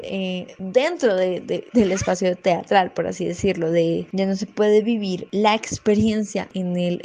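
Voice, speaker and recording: A woman from Colombia, giving an informal educational talk in an explanatory, measured way with her own opinions. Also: mid-range voice, mellow. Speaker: presenter.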